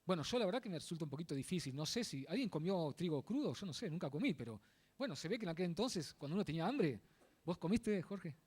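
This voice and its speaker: A man's voice: a little high, big pitch swings, fast, darkish tone, husky. A man preaching a sermon in a church, explaining a Bible passage, stressing key words and making asides to the congregation.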